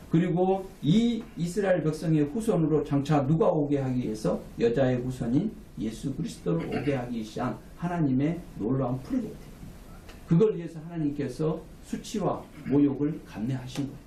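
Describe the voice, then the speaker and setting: Man preaching, emphatic sermon, mellow voice, roomy echo, distant mic. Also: on the high side, slight background noise. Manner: emphatic preaching with rising calls for amen. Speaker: pastor. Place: small office room. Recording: echoey room, mic from afar.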